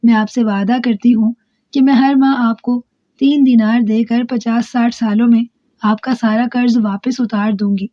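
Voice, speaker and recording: A sly trickster disguised as an old woman, put on by a woman narrator, pleading and wailing in a phlegmy, quavering voice. The storybook crone sits a little high in pitch, with a mellow tone. The recording is close, dry and a bit dull. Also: fairly even intonation, no room sound, close to an everyday voice. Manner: wheedling, sobbing pleas.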